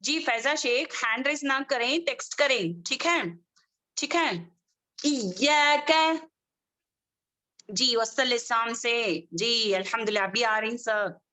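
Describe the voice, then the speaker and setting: A woman teaching Quranic recitation over a video call, drawing out each word slowly, repeating it and checking that her students follow. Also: a little high, pushed and bright. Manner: slow, drawn-out demonstrations of Arabic words; patient, repeats and checks understanding. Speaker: Tajweed teacher.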